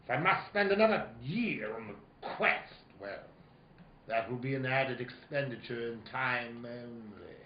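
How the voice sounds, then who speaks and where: A man playing a genial, wordy, calculating gentleman villain in a theatrical old-time radio play, pompous and courtly. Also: medium pitch, animated, unhurried, lightly acted. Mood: grandly determined. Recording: roomy, dull, faintly noisy live recording.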